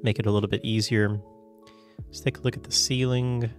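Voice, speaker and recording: A man with a fairly low voice walks through a screen-recorded software tutorial, loose and chatty, with plenty of ums and restarts. He is getting over a cold and clears his throat now and then, while soft guitar music plays faintly behind him. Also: flat delivery, fairly quick. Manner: loose, chatty, many fillers and self-corrections. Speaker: tutorial host.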